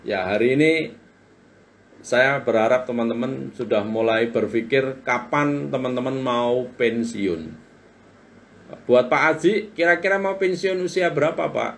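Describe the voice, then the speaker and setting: In his forties, this business coach hosts a live-stream book talk, chatting with viewers and reading their comments aloud in a motivational style. His medium-pitched voice is unhurried and a bit bright, with some vocal fry.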